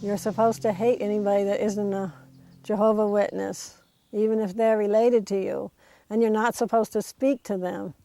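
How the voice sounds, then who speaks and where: A woman's voice: medium pitch, fairly even intonation, moderate pace, dark tone, no echo. A middle-aged woman, a bereaved mother, speaking in a distressed, pleading way and asking many questions in an archival interview clip. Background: music under the voice.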